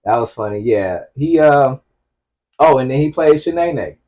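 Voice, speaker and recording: A man co-hosting a casual podcast chat, talking in a relaxed, rambling way, often repeating himself and restarting his sentences. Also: mid-range voice, measured pace, lo-fi sound. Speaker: podcast co-host. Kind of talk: casual chat about TV shows.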